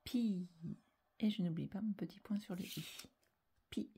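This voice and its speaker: Husky and medium in pitch, a woman's voice guides small children through spelling dictation. She takes it slowly and calmly, repeating every syllable and frequently dropping to a whisper.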